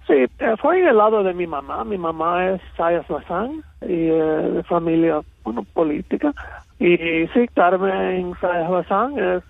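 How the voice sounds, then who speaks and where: A man from Miami with an American accent in his Cuban-rooted Spanish, telling personal stories as an interview guest, halting and slipping in English words. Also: high voice, animated, gravelly, no room sound, narrow, tinny audio. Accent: American-accented Spanish with Cuban roots. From Miami, United States.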